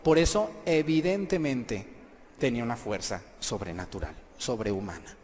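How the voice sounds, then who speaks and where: A man's voice: medium pitch, normal speed, a little mellow, slight background noise. A man, a priest giving an emphatic sermon and questioning the congregation. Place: church. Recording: echoey hall, faint background ambience.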